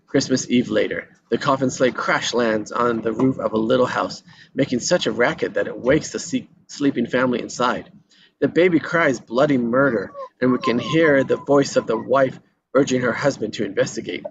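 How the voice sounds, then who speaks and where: Reading the action lines of a script at a table read, this man sometimes trips over words and says them again. He has a creaky, medium-pitched voice and speaks at normal speed. The audio is dull, lo-fi, and noisy in the background.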